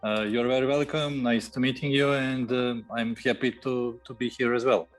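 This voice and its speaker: A man, a guest veterinarian on a podcast interview, speaking haltingly with many fillers and grammar. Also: mid-range voice, steady tone, soft background music. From Serbia. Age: 40s.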